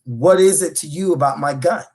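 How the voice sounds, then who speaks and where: A man on a podcast, retelling a personal story in a loose, animated way, with restarts and swearing. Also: a little high, moderate pace. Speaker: podcast co-host. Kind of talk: casual conversation.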